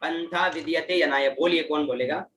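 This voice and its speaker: A man teaching Vedic mantra chanting, patiently spelling out each syllable and its pitch accent. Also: steady tone, normal speed. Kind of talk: teaching Sanskrit mantra pronunciation. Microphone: online class setup. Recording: roomy echo, distant from mic, faint background noise.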